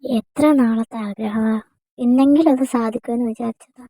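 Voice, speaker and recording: A woman's voice: on the high side, fairly even intonation, warm tone, dry recording. Woman voicing a chatty college girl. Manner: quick-tongued, squabbling. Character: lively, chatty young female first-year student. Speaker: fan dub voice actor. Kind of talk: amateur dubbed romance drama.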